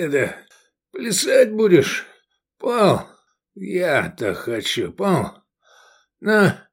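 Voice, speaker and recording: A man's voice: high voice, creaky, pitched above the performer's own voice, full character voice. A drunk, slobbering captor, as a male reader puts him on, jeering in slurred, stretched-out phrases. The voice jumps far above the reader's own and has a strained, unlike timbre. It is an audiobook character voice.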